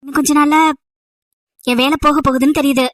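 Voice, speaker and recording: A woman voicing an irritated, sharp-tongued young female college student in an amateur audio drama, scolding with sarcastic rhetorical questions. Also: sits high, little pitch movement, fast talker, dry recording, close to an everyday voice. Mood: annoyed.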